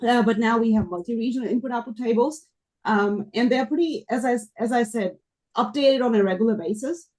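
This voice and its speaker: A woman researcher answering questions on a panel, hesitant, with a hoarse voice that is giving out. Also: fairly high pitch, brisk, a little mellow, rough recording. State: losing her voice, hoarse.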